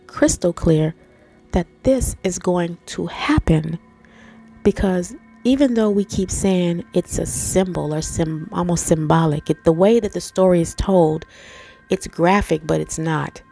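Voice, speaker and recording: With a lowish, creaky, dark-toned voice at a measured pace, a Bible teacher and channel host reads scripture and explains it informally, addressing viewers as family and guys. Allergies make her nose stuffy, and faint music plays behind.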